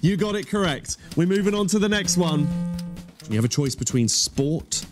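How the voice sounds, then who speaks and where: A man's voice: fairly high pitch, lively intonation, normal speed, loud music behind the voice. A British man in his thirties presenting a game show, announcing rounds and prizes with a projected delivery. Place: studio stage with music behind.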